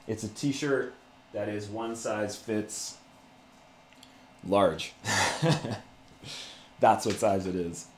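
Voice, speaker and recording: A man's voice: lowish voice, very slow, long pauses, a little hiss or hum. A man hosting a casual livestream, chatting to viewers in a laid-back, conversational way. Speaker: YouTube channel host.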